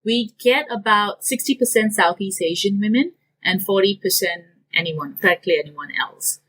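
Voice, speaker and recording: A woman's voice: mid-range voice, moderate pace, poor audio. A woman from Singapore, a business owner, giving detailed interview answers with some fillers. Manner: detailed, steady explaining with fillers.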